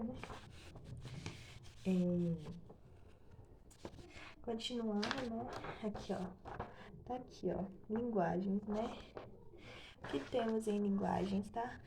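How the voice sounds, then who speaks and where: Slow, halting Brazilian woman teaching. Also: mid-range voice, creaky, background noise. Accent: Brazilian Portuguese. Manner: slow, halting, many fillers and self-corrections. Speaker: writing teacher. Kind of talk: casual online lesson.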